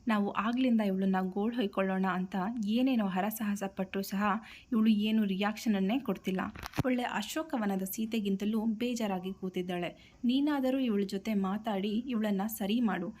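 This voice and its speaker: A woman voicing a group of teasing young women friends in a storybook reading, talking quickly. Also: medium pitch, darkish tone, close to an everyday voice.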